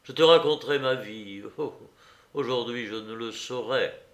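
A man portrays a stern colonel who hides a deep old wound, speaking quietly and with restraint. The storybook reading sounds roomy and reverberant. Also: moderate pace, close to an everyday voice. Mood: subdued. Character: grave, wounded male colonel, restrained grief.

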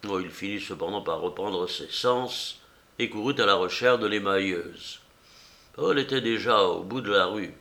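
A man reading a novel aloud as narrator, in a measured, steady storytelling manner. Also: on the low side. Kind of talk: audiobook reading.

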